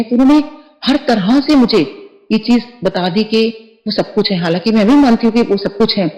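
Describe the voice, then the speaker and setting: A woman's voice: mid-range voice, darkish tone, reverberant, rough recording. A middle-aged woman earnestly telling a devotional testimony, slipping English words into her speech.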